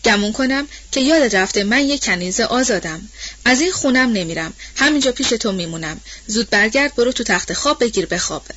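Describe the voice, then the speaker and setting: A woman's voice: fairly high pitch, lively intonation, a bit bright. A woman voicing a stubborn, fussing old nanny who nags in a folksy, protective way. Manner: colloquial, nagging and protective. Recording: dull lo-fi recording.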